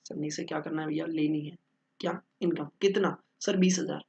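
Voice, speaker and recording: A man's voice: a little high, steady tone, moderate pace, vocal fry, a little mellow, lo-fi sound. A man teaching accounting in a joking, bantering lecture, answering his own questions.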